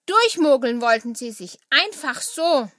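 A grumpy kid, super high bright bouncy voice, family audio drama. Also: female voice, measured pace, no echo, clean studio sound, full character voice. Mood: annoyed. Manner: grumbling, expressive. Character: annoyed young child in family.

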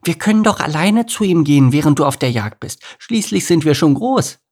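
A man's voice: on the high side, a little fast, voice pushed up. A man voicing an eager, confident young lioness cub in an audiobook story. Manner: eager, lively.

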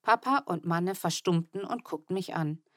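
A woman reading a children's audiobook aloud in the first person, with lively, expressive storytelling. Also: lowish voice, normal speed, no echo, studio quality. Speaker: audiobook narrator.

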